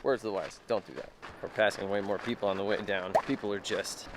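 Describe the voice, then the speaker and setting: A man's voice: fairly low pitch, steady tone, quick pace, very noisy. A man in his thirties chatting casually while travel vlogging outdoors, blunt and swearing freely with dry jokes. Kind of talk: casual travel vlog chat. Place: outdoors on mountain trails and at a rental house.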